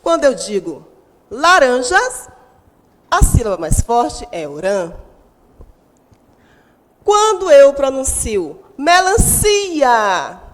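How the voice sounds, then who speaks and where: A woman's voice: a little high, big-room sound, a little hiss or hum. A woman teacher with a Brazilian Portuguese accent gives a recorded lesson to sixth graders. She speaks emphatically, stretches out stressed syllables and puts questions to the pupils at home.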